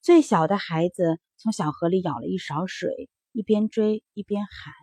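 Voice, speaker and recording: A woman narrating a children's bedtime story in a gentle, expressive storytelling manner. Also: medium pitch, moderate pace, breathy edge, no echo.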